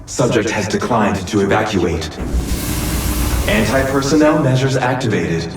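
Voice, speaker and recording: An actor voicing a male security system that gives formal, clipped warnings to intruders through a loudspeaker. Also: fairly low pitch, expressive, a little slow. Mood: stern. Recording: echoey, distant, with game music.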